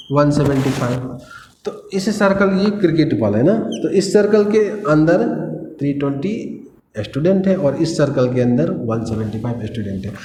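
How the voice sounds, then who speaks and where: A man's voice: fairly high pitch, darkish tone, a little hiss or hum. A man teaching maths at a board in a classroom, explaining each step and checking in with "है ना" as he goes, mixing English phrases into his lecture. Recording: echoey room, faint ambience.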